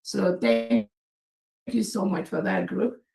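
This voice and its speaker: A woman's voice: mid-range voice, slow pace, vocal fry, warm tone, roomy sound, low-quality recording. A woman addressing members in an online meeting, earnest and formal, thanking people by title.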